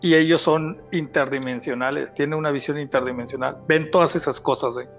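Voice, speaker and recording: Man in casual talk, assertive and sure of himself, fairly high voice, dull lo-fi audio with faint music behind. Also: fairly even intonation, fairly quick. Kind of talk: casual conversation.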